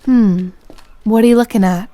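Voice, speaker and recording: A woman with a slightly high, mellow voice speaks at a normal speed with fairly even intonation, sounding close to everyday speech with no echo. In a scripted, intimate second-person audio roleplay, she plays a tender but commanding female pirate captain, using a stage pirate accent and teasing sailor slang in a teasing, insistent mood.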